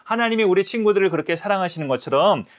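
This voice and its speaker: A man preaching a Sunday school sermon, gently telling a story to children. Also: sits high, expressive, very fast. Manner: gentle, addressing children as friends.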